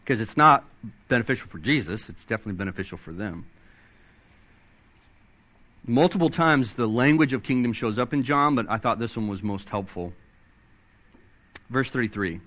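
A man preaching a sermon, excitable and animated, reading scripture aloud and swinging his pitch up and down as he stresses points. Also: normal speed, long pauses. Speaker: pastor.

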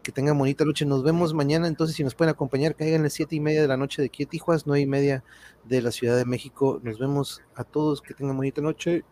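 Speaking fast in a slightly high, steady, mellow voice, a man with a northern Mexican accent chats casually to sign off the online livestream show he hosts. He mixes English phrases into what he says, and clear background noise runs through the recording.

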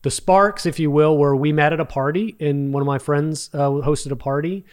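A man's voice: a little high, fairly even intonation, moderate pace, clean tone. A man with a light Texas accent, telling stories in a casual podcast chat as a guest. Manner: chatty storyteller. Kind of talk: casual conversation.

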